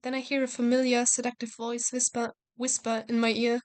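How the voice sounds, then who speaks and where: A woman's voice: on the high side, monotone, a little fast, clean tone. A woman playing a visual novel, reading the text aloud and adding casual, joking commentary. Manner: casual, joking, swears and laughs at herself.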